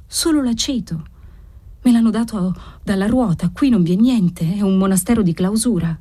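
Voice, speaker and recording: A woman's voice: medium pitch, normal speed, dark tone, breathy edge, voice pushed up, natural voice. A woman reading an audiobook, voicing a worried old servant woman who speaks anxiously and pleadingly.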